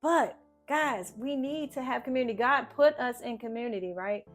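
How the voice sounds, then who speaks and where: A woman giving casual Bible teaching, lively and conversational, often tagging lines with a questioning "right?". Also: fairly high pitch, normal speed, soft background music. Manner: animated, tags sentences with "right?"; acts out biblical figures in slangy voices.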